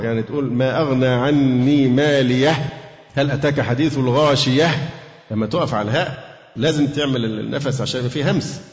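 A man with an Egyptian accent teaching a Quran commentary lesson to a class, quizzing students and reciting verses slowly. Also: mid-range voice. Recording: echoey hall, dull lo-fi sound.

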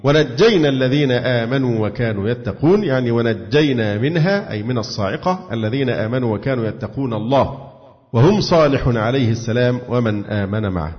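A man's voice: mid-range voice, animated, quick pace. A man with an Egyptian accent teaching a religious exegesis lesson, asking himself questions and answering them. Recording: echoey, dull lo-fi recording.

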